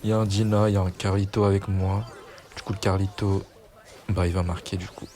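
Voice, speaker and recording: A man's voice: low-pitched, level tone, a little fast, warm tone. A young man giving casual, chatty gameplay commentary as a gaming YouTuber, self-mocking and slangy.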